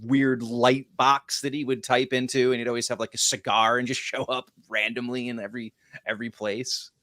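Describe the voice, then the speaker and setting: A man's voice: mid-range voice, little pitch movement, normal speed, pushed and bright, no room sound, studio quality. A man co-hosting a casual podcast, rambling and sarcastic, with lots of "uh" and "like". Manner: rambling, sarcastic, many fillers. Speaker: podcast co-host. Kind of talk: casual chat.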